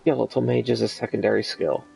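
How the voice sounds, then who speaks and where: A man giving casual gameplay commentary, explaining things in a halting way. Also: on the low side, steady tone, gravelly, darkish tone, soft background music, rough recording. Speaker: gamer commentating on own play.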